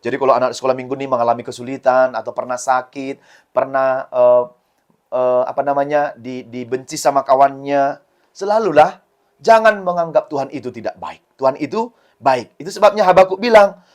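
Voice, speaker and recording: Preaching to kids at Sunday school, a man from Medan, Indonesia, talks a little fast in a mid-range voice. He relies on short phrases he repeats often, and he acts out prayers and quotes in a raised, pleading voice.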